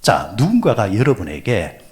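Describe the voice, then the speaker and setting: A male pastor preaching an early-morning prayer sermon. He asks the congregation questions and answers them himself, and he moves from loud exclamations to soft, breathy asides. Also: lowish voice, huge pitch swings, moderate pace. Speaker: senior pastor.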